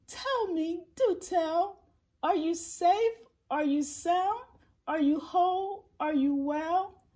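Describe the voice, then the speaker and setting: A big-hearted storybook elephant, as a woman acts him out, earnest and loyal. The voice is raised high and moves widely, with emphatic, caring rhymed speech. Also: sing-song, takes it slowly, a little mellow, full character voice. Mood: anxious, pleading.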